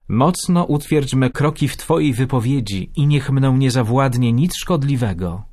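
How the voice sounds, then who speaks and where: A man giving a measured, solemn scripted reading of scripture. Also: mid-range voice, a little mellow.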